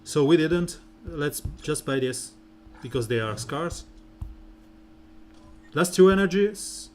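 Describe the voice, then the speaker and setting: Relaxed and meandering, this gameplay commentary comes from a man discussing team strategy on a mobile game stream. He uses lots of fillers, and his soft, smooth voice grows deep at slower moments.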